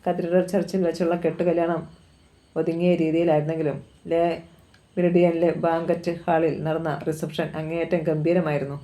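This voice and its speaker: A woman's voice: low voice, level tone, a little fast, warm tone. A woman reading a novel aloud, telling the story steadily and lightly voicing the dialogue. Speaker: novel reader.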